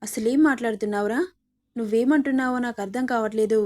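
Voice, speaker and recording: A woman's voice: a little high, steady tone, fast talker, darkish tone, natural voice. A woman voicing a young kidnapped woman who demands answers, confused and defiant.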